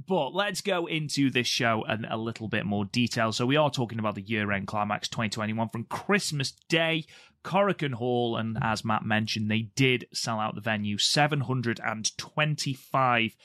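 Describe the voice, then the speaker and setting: A man's voice: mid-range voice, sharp tone, no room sound. A man with a throaty voice, sounding under the weather, chatting casually as a podcast co-host with dry humour. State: ill with a cold-like throat from covid. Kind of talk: casual wrestling podcast chat.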